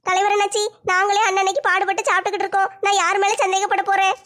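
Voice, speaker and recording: A woman's voice: very high voice, flat delivery, very fast, a bit bright. A woman voicing a tearful, frantic village mother pleading for help in a cartoon.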